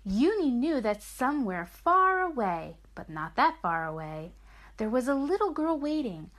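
A woman's voice: fairly high pitch, very animated, measured pace, a bit bright. A woman reading a bedtime sleep story aloud as a mother and host, explaining things simply and encouragingly as if to a small child. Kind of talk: gentle sleep story narration and chat with her small child.

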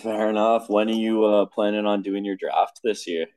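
Low-voiced young man hosting a podcast. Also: fairly even intonation, moderate pace, darkish tone. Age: young adult. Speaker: podcast host. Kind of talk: casual sports podcast chat.

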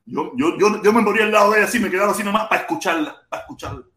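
A man with a Cuban accent hosting a live chat, playful and loud, repeating himself and bursting into shouts. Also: sits high, rapid-fire, roomy sound. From Cuba. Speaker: livestream host.

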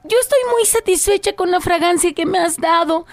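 A woman voicing a sad, pretty rose in a fable, in a raised, gentle storytelling voice. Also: very high voice, moderate pace, pitched above the performer's own voice. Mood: wistful. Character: sad, pretty female rose longing to change.

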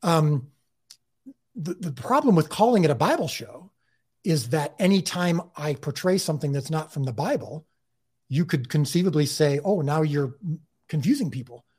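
A man with a husky, slightly high voice talks earnestly as an interview guest. He often restarts and repeats words mid-thought. His tone is casual but careful. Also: lively intonation, normal speed, a little mellow. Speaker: creator of a faith-based TV series, interview guest.

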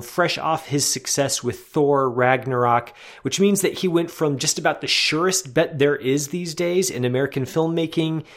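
A man hosting a film podcast, reading a measured, articulate review with the odd restart. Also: medium pitch. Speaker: podcast host.

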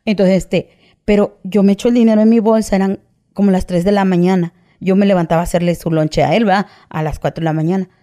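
A woman tells her own story as an interview guest, with a dark, mellow tone at a middle pitch. She talks in a casual, halting way, restarting phrases and tagging them with "¿verdad?" and "¿va?". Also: steady tone. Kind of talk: personal testimony, casual retelling.

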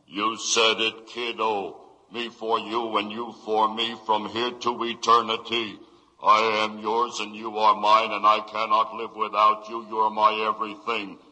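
Elmer, a lumbering lovesick robot. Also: male voice, on the low side. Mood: adoring. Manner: flat, slow mechanical delivery. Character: hulking lovesick male robot, slow and menacing. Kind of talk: 1950s radio drama acting. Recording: old radio drama with long reverb.

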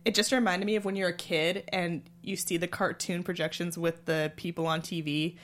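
A woman hosting a casual chat, talking quickly and laughing often. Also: on the low side, level tone, fairly bright tone. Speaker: podcast host.

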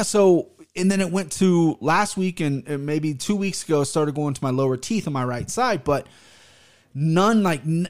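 American male podcast host, slightly high-pitched, mouth barely open as he talks, blunt, rambling, casual. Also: a little mellow. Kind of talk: casual solo podcast talk.

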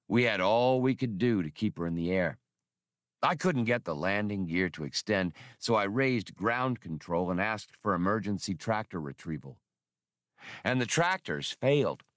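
Lowish and animated, with a fairly bright tone at normal speed, this man's voice comes across clean and echo-free in studio quality. Playing an easygoing veteran ex-officer in a space adventure audiobook, he wryly and mildly spins nostalgic war yarns.

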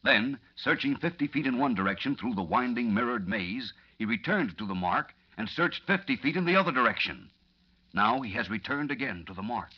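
A husky American man in the style of a 1940s radio announcer. His delivery swings widely in pitch, theatrical and full of suspense. The recording is dull, vintage lo-fi radio. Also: animated, brisk. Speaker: narrator and announcer of a radio serial. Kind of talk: 1940s old radio announcer, dramatic scripted narration.

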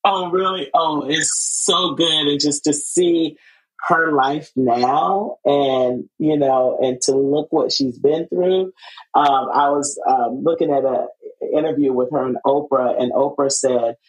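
A woman's voice: low voice, takes it slowly, low-quality recording. Woman podcast host chatting casually. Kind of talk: casual conversational interview.

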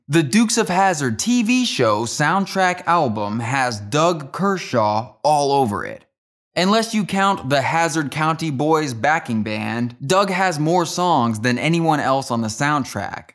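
A man's voice: medium pitch, very animated, measured pace, fairly bright tone. Man narrating with dry wit. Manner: dry, wry asides. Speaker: music history narrator. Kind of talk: scripted narration.

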